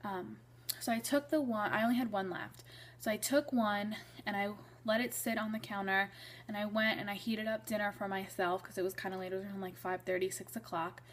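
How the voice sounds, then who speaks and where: A woman's voice: mid-range voice, fairly even intonation, fairly quick, slight background noise. A young woman in her twenties telling a personal story in a casual vlog, chatty, with many ums and restarts. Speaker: vlogger.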